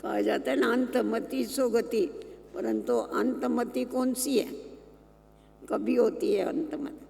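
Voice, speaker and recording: A man leading a spiritual class, reading a sacred text and explaining it slowly and patiently. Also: very high voice, steady tone, vocal fry, darkish tone, big-room sound. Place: meditation centre hall.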